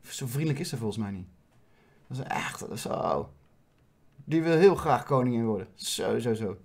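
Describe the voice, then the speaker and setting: A man's voice: mid-range voice, very animated, normal speed, gravelly. A man from the Netherlands giving mocking, rambling satirical commentary over footage, often stumbling over repeated words. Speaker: comedian host.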